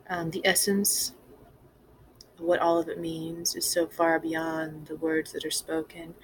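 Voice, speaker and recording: Speaking off the cuff as a spiritual teacher, this woman uses repeated phrases to build up her points in an earnest, emphatic way. Her voice is low-pitched and a bit bright. Background noise comes through clearly on the rough recording.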